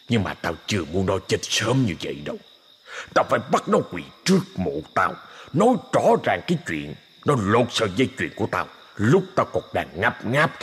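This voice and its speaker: A man voicing the grumbling ghost of an old male debtor, speaking low and muttering. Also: fairly bright tone, in a large hall.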